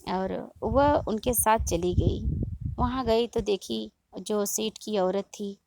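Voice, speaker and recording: A woman's voice: mid-range voice, takes it slowly, vocal fry, noisy background. A woman telling a simple folk story in a homely, casual way, often restarting her sentences.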